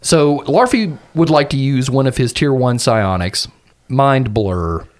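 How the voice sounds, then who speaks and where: A man plays his character in a tabletop game with a mid-range voice. His pitch swings widely, and he often laughs as he lays out his moves. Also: measured pace. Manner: laughing, animated storytelling. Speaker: player.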